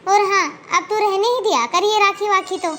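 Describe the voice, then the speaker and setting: A stingy, dismissive middle-aged aunt from a cartoon, acted by a woman. She talks in a blunt, scolding way, with a high, bright voice. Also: steady tone, normal speed. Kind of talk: Hindi cartoon voice acting.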